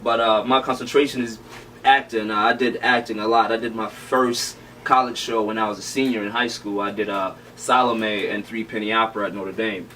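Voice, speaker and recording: A man's voice: on the low side, fairly even intonation, fairly quick, pushed and bright, recorded from a distance, a little hiss or hum, low-quality recording. A man from Malawi, an actor, talking about himself in a casual interview in an outgoing, easygoing way. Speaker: guest actor.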